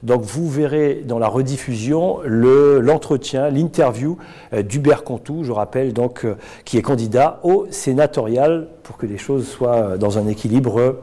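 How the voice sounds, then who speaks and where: Relaxed TV host. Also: male voice, medium pitch, a little slow. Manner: relaxed, friendly, with frequent fillers. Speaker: TV news host. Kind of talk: live TV studio interview.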